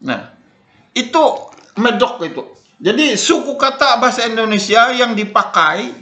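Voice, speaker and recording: Older man lecturing, bright and echoey. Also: very high voice, lively intonation, a little slow. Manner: repeats points, frequent "nah" and "eh" fillers. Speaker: lecturer on Dayak Ngaju language. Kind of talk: informal spoken lecture. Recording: echoey room.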